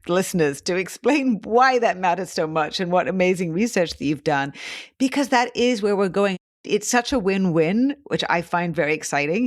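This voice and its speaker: Woman podcast host, eager and encouraging, low voice, dry close recording. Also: no echo. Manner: enthusiastic, affirming, frequent backchannel "yeah". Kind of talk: interview conversation.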